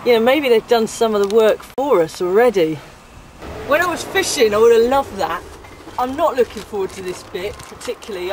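A woman's voice: on the high side, poor audio. A woman in her thirties chatting to camera in her back garden, squeamish and amused at herself. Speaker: vlogger. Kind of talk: casual to-camera vlog.

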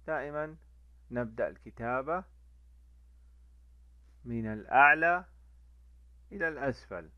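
A man teaching a letter lesson to children, drawing out each sound slowly and repeating it. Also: mid-range voice, no room sound. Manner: lively, repeats sounds slowly for young learners. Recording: dull lo-fi dry recording.

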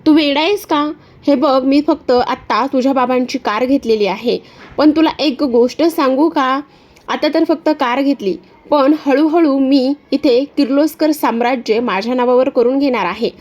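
A woman's voice: high voice, moderate pace, a little mellow, highs cut off, pitched above the performer's own voice. A woman voicing a scheming young female villain who mocks and needles, in a retold story. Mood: taunting. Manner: mocking, needling.

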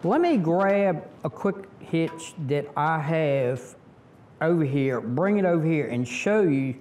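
A middle-aged Southern man drawls through a tractor how-to in an easygoing, unhurried way. His voice sits a little high for a man, and he wanders and restarts with plenty of "um"s and "you know"s. He is heard outdoors under a shelter, a few steps from the camera. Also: animated, a little mellow, slight background noise. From Virginia, US. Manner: rambling, folksy, many fillers and restarts. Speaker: tractor vlogger. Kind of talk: casual how-to vlog.

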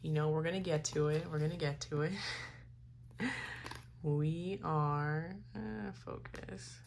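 A young woman rambling casually as she sorts K-pop photocards, giggling, filling her talk with "like" and restarts and trailing into soft mutters. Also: low-pitched, level tone, a little slow, slight background noise. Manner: drifts into soft mutters while sorting cards. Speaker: K-pop photocard collector vlogger. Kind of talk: casual chatty vlog.

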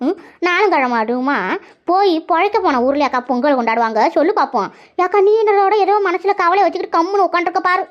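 A woman voicing a nosy, sharp-tongued old village woman in a cartoon, with a teasing, prying way of asking questions. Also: very high-pitched, expressive, fast. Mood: needling. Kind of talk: cartoon voice acting. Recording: dull lo-fi recording.

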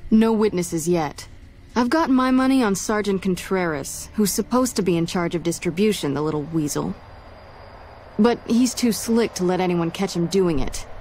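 A woman's voice: on the low side, moderate pace, darkish tone, a little hiss or hum, natural voice. An actress playing a no-nonsense female military police officer in a video game, wry and matter-of-fact.

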